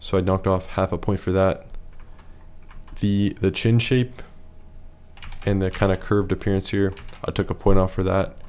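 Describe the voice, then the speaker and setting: Male presenter with a deep, hoarse voice, for a plain analytical voice-over. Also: flat delivery, moderate pace, darkish tone. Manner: matter-of-fact, rating things one by one. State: losing his voice.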